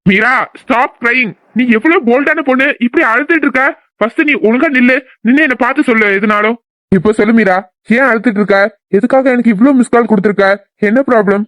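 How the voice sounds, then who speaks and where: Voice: mid-range voice, fairly bright tone, no room sound, lightly acted. A performer voicing a headstrong, defiant young male doctor who speaks assertively. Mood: firm. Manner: assertive, quick. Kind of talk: audio drama acting.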